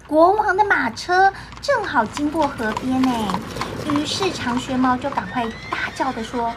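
A woman telling a children's story in an animated, sing-song way, talking to the kids. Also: sits high, a little slow, noisy background.

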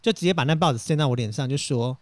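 A young man with a Taiwanese Mandarin accent telling a story in casual chat, animated and self-dramatizing, laughing as he goes. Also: medium pitch, racing, no echo.

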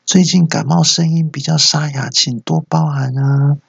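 A hoarse, fawning client keeps tripping over his own words, put on by a man. The voice is raised a little and raspy, with a dull sound. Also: on the high side, steady tone, normal speed, dry recording, voice pushed up, exaggerated voice. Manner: fawning and slipping up. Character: fake hoarse client faked by an employee.

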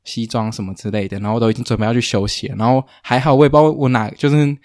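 A man hosting a casual podcast. He talks quickly, rambles through his stories and throws in fast asides. The sound is dry and close. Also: mid-range voice, fairly even intonation, darkish tone, no echo. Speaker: podcast host. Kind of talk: casual chat.

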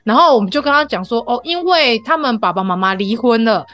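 A woman, hosting a casual podcast chat and telling family stories with animated voices. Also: on the high side, a little fast, faint music behind. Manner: animated storytelling, acts out her child's questions. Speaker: podcast host.

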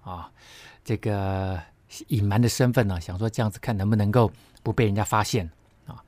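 A man's voice: lowish voice, steady tone, normal speed, a little mellow, no echo. A man teaching a Bible study lesson, explaining step by step with frequent tag particles and emphatic asides.

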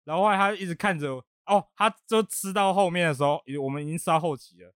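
A man's voice: high-pitched, smooth, no room sound, studio quality. A man from Taiwan, the podcast host, telling a story in casual chat and acting out the quotes. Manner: fast animated storytelling, laughing often, acting out quotes.

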